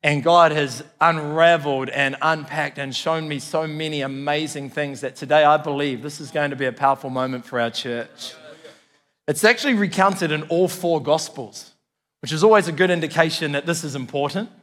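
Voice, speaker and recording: Kiwi male pastor preaching earnestly, voice a bit on the high side, long reverb of a hall. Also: normal speed, a bit bright. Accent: New Zealand. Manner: earnest, emphatic phrasing with repetition. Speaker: church pastor. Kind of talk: sermon to a congregation.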